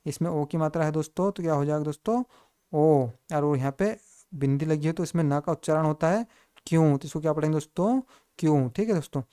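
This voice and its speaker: Mellow teacher with a smooth voice. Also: mid-range voice. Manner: asks the listener questions, then answers them; addresses listeners as friends again and again. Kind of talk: step-by-step spelling tutorial.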